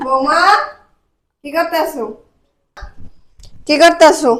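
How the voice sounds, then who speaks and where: A woman's voice: high voice, steady tone, takes it slowly. An actress playing a scolding mother-in-law who demands money from her daughter-in-law. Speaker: actor in a village comedy skit. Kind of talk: skit acting.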